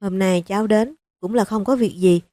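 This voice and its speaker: A woman's voice: medium pitch, normal speed, dry recording, close to an everyday voice. Woman voicing a blunt hot-tempered police chief. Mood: firm. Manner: blunt, forceful, cursing.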